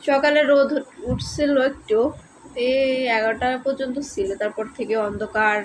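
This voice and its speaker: A mother, hoarse from a cold, chatting in a home vlog and coaxing her toddler in a sing-song way. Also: high-pitched, normal speed, slight background noise, low-quality recording. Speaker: mother filming her child. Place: indoors at home.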